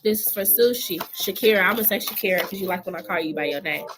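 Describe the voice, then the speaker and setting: A woman's voice: fairly low pitch, fast, loud music behind the voice, poor audio. A woman giving a live-streamed tarot reading, chatty and familiar, calling the viewer girl and honey. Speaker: tarot reader.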